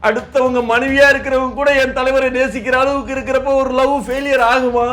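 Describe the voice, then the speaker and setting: Brief: very high-pitched man, theatrical, mock-wailing, soft music under. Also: level tone, fairly quick. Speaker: interviewee, party supporter. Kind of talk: dramatic emotional interview talk.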